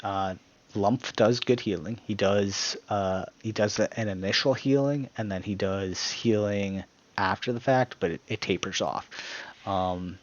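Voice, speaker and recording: A man's voice: lowish voice, a little slow, dull audio. A man giving a casual, rambling tutorial on game tactics, often restarting his sentences. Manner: rambling, self-correcting, breaks into laughter at his own jokes. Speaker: gaming guide creator.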